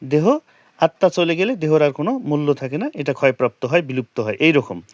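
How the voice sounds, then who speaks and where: A man with a slightly higher-than-usual voice teaches a scripture verse, slowly chanting each syllable. He keeps asking the listener rhetorical questions as he works through the verse. The sound is dry and close. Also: animated, dry recording. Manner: slow and careful, chanting verse lines syllable by syllable. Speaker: Gita teacher. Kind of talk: explaining scripture pronunciation and meaning.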